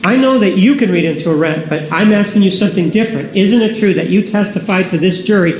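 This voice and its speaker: A man's voice: high-pitched, fast. A man cross-examining a witness as prosecutor in a courtroom recording, pressing hard and demanding yes-or-no answers. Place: large echoey courtroom. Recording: echoey courtroom recording with faint noise.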